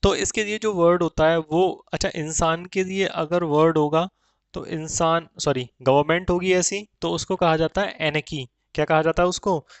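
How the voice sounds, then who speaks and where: Man, vocabulary lesson, smooth resonant voice, dry close sound. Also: a little high, steady tone, no room sound. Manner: addresses viewers as children, checks with rhetorical questions, reads English slowly. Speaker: English teacher.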